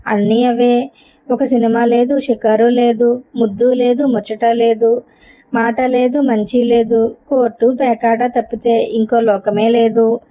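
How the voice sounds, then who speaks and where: A woman's voice: a little high, warm tone, close to an everyday voice. A woman reading as a fed-up young housewife. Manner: sarcastic, complaining. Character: young housewife, sharp-tongued and exasperated. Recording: dull lo-fi recording.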